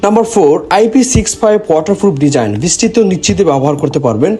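A man with a Bangladeshi accent presents a gadget seller's product in a promotional voice-over over background music. His high-pitched, mellow voice is expressive and rapid-fire, and he mixes English phrases into his speech.

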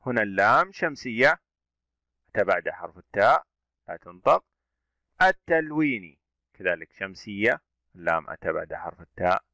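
Male teacher, bright animated delivery, slow letter-by-letter drill, questions and praise. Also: fairly low pitch, no echo. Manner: slow, sounding out letters and vowels one by one; asks questions and praises pupils. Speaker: Arabic teacher. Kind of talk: classroom reading drill.

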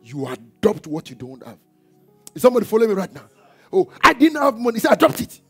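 High-voiced pastor preaching. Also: male voice, huge pitch swings, fast, slightly rough. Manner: emphatic call-and-response preaching, shouting and chanting. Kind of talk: sermon. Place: church hall. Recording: church service with music and congregation behind. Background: music and congregation.

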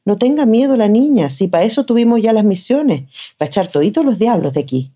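A woman's voice: mid-range voice, sing-song, fairly quick, voice pushed up. A woman voicing a stout, superstitious old nanny who soothes frightened children in a storybook reading. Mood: soothing. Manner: hushed, tender.

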